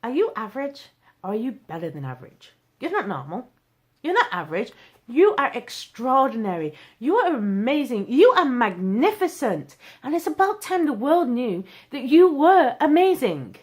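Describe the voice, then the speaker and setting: Bubbly high-pitched motivational woman vlogger. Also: big pitch swings, moderate pace. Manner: bubbly and emphatic, swings between loud bursts and near-whispers; laughs often, self-deprecating. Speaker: social media vlogger. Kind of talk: excited motivational vlog recap.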